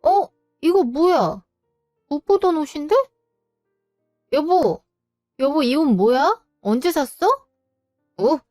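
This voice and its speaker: A woman's voice: high-pitched, lively intonation, slow pace, pauses often, warm tone, dry recording, clean studio sound, soft background music. A woman narrating an audio drama story as a wife, probing and teasing in a suspicious way.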